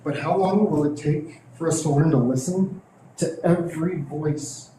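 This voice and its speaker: In an echoey meeting room with a slight hiss, a teachers' union president addresses the school board as a public commenter, reading from a prepared statement. The middle-aged man has a warm, slightly high voice, and his delivery is sincere, heartfelt and measured.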